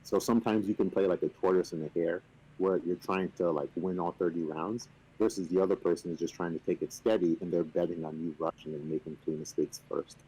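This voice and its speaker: A man on a video call casually explaining a game, relaxed and playfully boastful, with lots of fillers. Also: low-pitched, fairly quick, slightly rough, poor audio. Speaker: company representative teaching the game. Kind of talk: casual chat on a stream.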